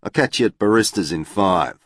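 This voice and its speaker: Smooth, charming male professor, read by the narrator: easy, sociable delivery. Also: on the low side, animated, moderate pace, a bit bright, no room sound, clean studio sound.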